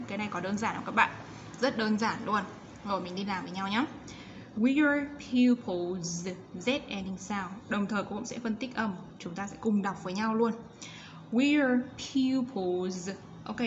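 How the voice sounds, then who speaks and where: A Vietnamese woman teaching an English lesson to young children, encouraging and repeating sounds, switching between quick explanations and slowly drawn-out model sentences. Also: medium pitch. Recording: slightly dull lo-fi recording with background noise.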